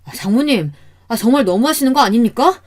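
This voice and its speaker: A woman's voice: fairly high pitch, expressive, brisk, a little mellow, pitched above the performer's own voice. Brief: woman reading a frustrated son-in-law in a radio story, strained and raised, sighing "ah". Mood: exasperated. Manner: complaining, keeps sighing "ah" before lines. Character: exasperated middle-aged son-in-law, pleading and frustrated.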